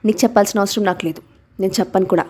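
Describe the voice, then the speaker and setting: A stern little boy from a storybook, bossy and indignant, guarding his father like a grown-up, as a woman reader puts him on. The tone stays mellow and soft-edged, even when he scolds. The boy voice sits close to the reader's own. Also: mid-range voice, rapid-fire, slightly rough, natural voice.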